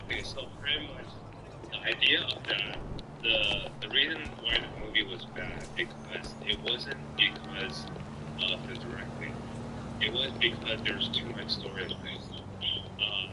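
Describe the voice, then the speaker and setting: A man's voice: on the low side, a little slow, background noise. A man talking in a casual chat, hesitant and full of fillers and restarts. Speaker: co-director of the roleplay.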